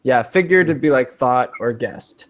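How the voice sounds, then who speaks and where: A man's voice: mid-range voice, animated. Patient male English teacher. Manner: patient, explains words slowly with examples. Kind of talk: online language class.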